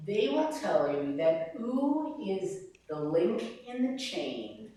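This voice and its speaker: A woman vocal coach teaching a master class, animated, demonstrating sounds and sung lines. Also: lowish voice, slow. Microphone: distant room mic. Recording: very echoey room from far off.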